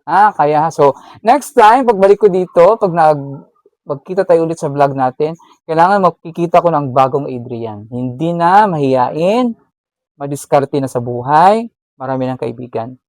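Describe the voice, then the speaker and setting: A woman's voice: low-pitched, animated, normal speed, darkish tone, no room sound. A woman running a charity vlog, firmly coaching a shy student to speak up, in a motherly, lecturing way. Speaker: charity vlogger handing out school allowance. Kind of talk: coaching, animated casual talk.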